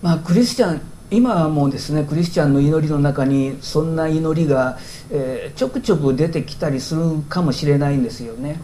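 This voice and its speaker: A man's voice: on the high side, brisk, few pauses, dark tone, a little hiss or hum. A male pastor giving a conversational sermon, explaining with rhetorical questions and asides.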